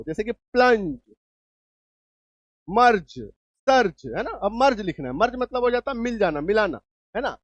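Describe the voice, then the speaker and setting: A man teaching English spelling in a relaxed spoken lesson, often checking that students follow and reassuring them. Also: high voice, dry recording, lo-fi sound. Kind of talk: spoken Hindi lesson with students addressed directly.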